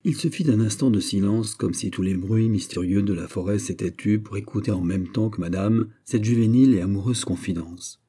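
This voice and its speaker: A man reading a classic novel aloud in measured, even narration. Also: lowish voice, slightly rough. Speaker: audiobook narrator. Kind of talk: scripted literary narration.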